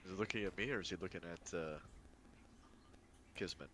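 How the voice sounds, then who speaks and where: A man playing a tabletop role-playing game, stating his character's actions deliberately. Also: deep voice, fairly bright tone, a little hiss or hum. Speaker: player. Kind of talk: tabletop role-play session.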